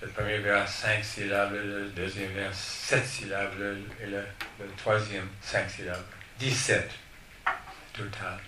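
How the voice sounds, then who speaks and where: A man, a poet, speaking at a public talk, slowly searching for his words with many restarts. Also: lowish voice, level tone. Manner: slow, halting, searching for words. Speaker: poet being interviewed. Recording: roomy, distant, noisy room mic.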